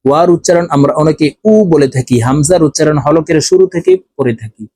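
Bangladeshi man teaching slow recitation drills. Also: fairly high pitch, a little mellow, no room sound. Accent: Bangladeshi Bengali. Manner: slow drawn-out syllable drills, repeating each word. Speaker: Quran reading teacher. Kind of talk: step-by-step recitation lesson.

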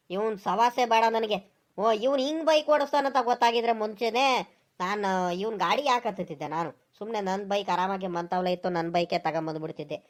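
Woman playing a fast-talking, complaining old village headman, cartoon. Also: a little high, close to an everyday voice. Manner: complaining, exasperated. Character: grumbling older male village headman. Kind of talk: cartoon voice acting.

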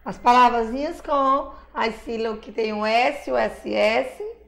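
Patient and slow, a Brazilian woman teaching young children spells out words syllable by syllable, drawing each one out. Her voice is a little high and gravelly, and as a primary school teacher she uses diminutives and refers to herself as auntie.

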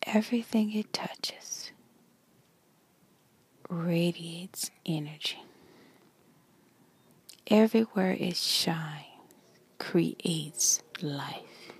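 A woman guides a meditation in an airy, breathy whisper. She speaks very slowly and leaves long pauses between phrases. Her voice sits a little low.

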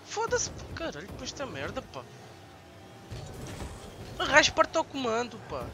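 Excitable young Portuguese gamer. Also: male voice, extremely high pitch, measured pace, noisy background. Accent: European Portuguese. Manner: swearing, excitable, shouting at the game. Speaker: gaming YouTuber. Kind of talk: gameplay commentary.

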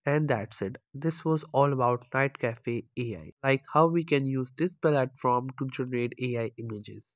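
A man narrating a screen-recorded software tutorial, explaining each step plainly, with some non-native phrasing. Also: medium pitch, moderate pace.

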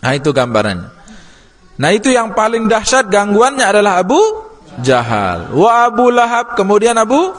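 A male religious teacher giving a lively classroom lesson, teasing and urging his students on. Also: high voice, normal speed. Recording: long hall reverb.

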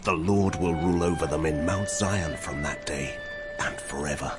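The voice of God in a biblical audio drama. It is low and deep, solemn and full of authority. Loud music swells behind the words. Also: male voice, moderate pace. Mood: majestic. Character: God, solemn commanding male divine voice. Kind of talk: dramatized Bible reading.

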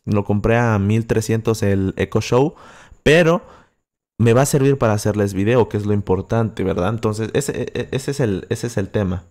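Answering his livestream chat, a young Acapulco man speaks in a lowish, darkish voice at normal speed. He's close to the mic and has a coastal Guerrero Mexican accent, and his casual chatter is packed with fillers and restarts.

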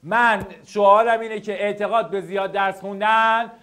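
A young male teacher gives a lesson on study habits, talking straight to his students. His voice sits very high for a man, and he keeps the delivery animated. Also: smooth. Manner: animated, addresses students directly. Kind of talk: classroom lecture to students.

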